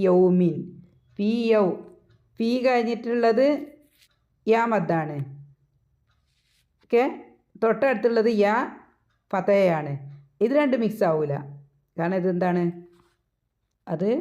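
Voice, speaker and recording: A woman's voice: mid-range voice, dark tone. Patient Malayali woman teaching Quran recitation. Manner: patient, repeats each point slowly. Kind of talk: explaining tajweed rules. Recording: dull lo-fi sound.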